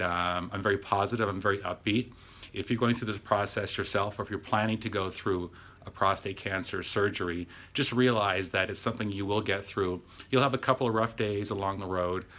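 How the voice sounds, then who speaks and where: A middle-aged man with a very low voice that still has a bright, forward edge. He speaks casually, as in a personal video diary, choosing words haltingly and with earnest reassurance. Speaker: video diarist, patient recovering from surgery. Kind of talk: casual vlog talk to camera. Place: hospital room.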